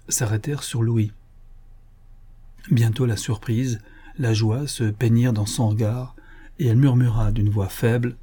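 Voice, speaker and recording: A man narrating a classic novel as an audiobook, with expressive, dramatic reading. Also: on the low side, slightly rough.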